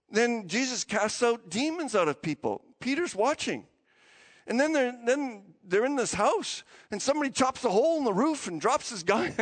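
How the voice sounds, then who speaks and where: High-voiced pastor in an echoing hall. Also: male voice. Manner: conversational, animated storytelling. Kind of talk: sermon. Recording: long church hall reverb.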